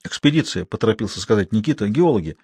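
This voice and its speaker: A weary young geologist answering politely in few words. A man plays him in an audiobook, husky and dry. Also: lowish voice, lively intonation, rapid-fire, a little mellow, no echo. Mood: hasty.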